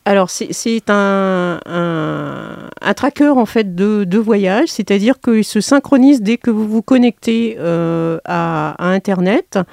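Woman, teacher, hesitant, many fillers, dark tone, dry sound. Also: medium pitch, slow, vocal fry, few pauses, no echo. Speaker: teacher organizing a school trip. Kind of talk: radio interview.

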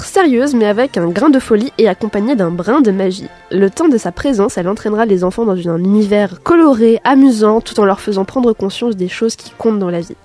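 Chroniqueuse cinéma à la voix douce. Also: female voice, a little high, warm tone. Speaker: film segment presenter. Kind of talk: prepared review, conversational.

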